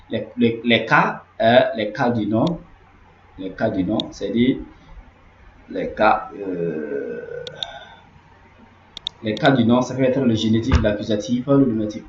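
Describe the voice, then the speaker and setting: A man gives a grammar lesson, saying each example word several times before explaining it. The recording is roomy and a little dull, with a faint hiss underneath. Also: medium pitch. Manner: repetitive, explanatory, slowly repeats key words. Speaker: language teacher.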